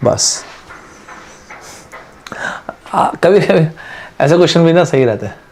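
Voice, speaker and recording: This aptitude teacher, his fairly high voice gravelly and a little mellow, runs an online exam-prep session at a moderate pace. Animated and chatty, he stays friendly with students and works English terms into what he explains.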